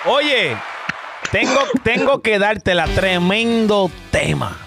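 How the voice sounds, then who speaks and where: Upbeat high-voiced man. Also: sing-song, slow, vocal fry, bright, forceful tone, soft background music. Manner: upbeat, hypes and counts in. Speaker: podcast co-host. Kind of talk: casual chat about music.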